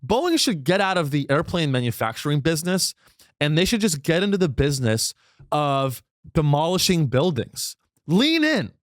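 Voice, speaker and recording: His pitch swinging widely and sometimes leaping high, a man hosts his own podcast with a rambling, irreverent comedy monologue, swearing freely at a moderate pace while his voice wears thin. The recording is dry, with clean studio sound.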